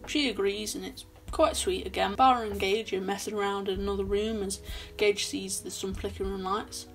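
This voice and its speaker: A woman's voice: medium pitch, steady tone, moderate pace, faint music behind. A young woman recapping a horror film in a casual, chatty way with sarcastic asides, filmed in a small bedroom at her desk. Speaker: film reviewer.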